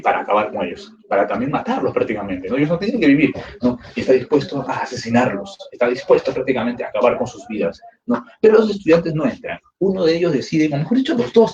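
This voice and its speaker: Man teaching, acting out a story. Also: medium pitch. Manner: acts out scenes with sound effects and character voices, frequent "¿no?". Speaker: literature teacher. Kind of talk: animated storytelling lecture. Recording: slightly dull, faint background noise.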